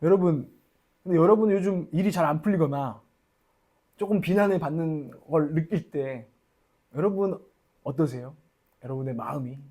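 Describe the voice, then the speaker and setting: A man's voice: on the high side, normal speed, long pauses, mellow. A young man preaching a sermon as a church pastor, candid and confessional, acting out his own inner voice.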